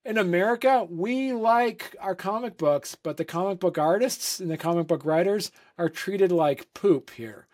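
A man's voice: high-pitched, moderate pace, few pauses, a little mellow. A man from Vermont, a comic creator, answering interview questions in a rambling casual way, with many fillers and restarts.

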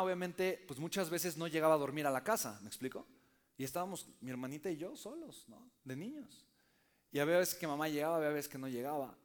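A man telling a personal story to a live audience, keeping them engaged with frequent quick questions. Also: mid-range voice. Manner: conversational, keeps checking in with the audience. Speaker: speaker addressing a live audience. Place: in front of an audience.

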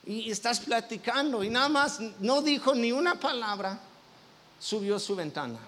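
A man's voice: extremely high pitch, expressive, normal speed, a bit bright. A man, a pastor, telling a personal story in a sermon, with many restarts and self-corrections. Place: church.

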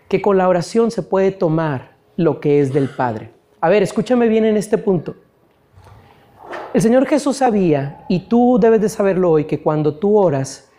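A man's voice: high-pitched, dark tone. Man preaching a fervent sermon. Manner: preaching with rising, pleading intensity, addressing listeners as brothers. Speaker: pastor.

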